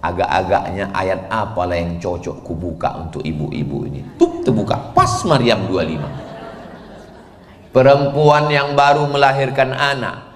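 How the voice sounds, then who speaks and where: A male preacher delivers a playful sermon, tossing questions to his listeners and chanting verses between jokes. He speaks slowly and deliberately. His voice rings through a large echoing hall. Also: on the low side. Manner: lively, joking, asks the crowd questions and chants verses. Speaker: Islamic preacher. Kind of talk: humorous sermon to a women's audience. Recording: echoey hall sound.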